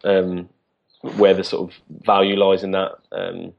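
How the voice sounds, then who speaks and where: A man talking casually as a podcast guest, halting with many restarts and fillers. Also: low voice, completely flat delivery, creaky, lo-fi sound. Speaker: guest, business co-founder.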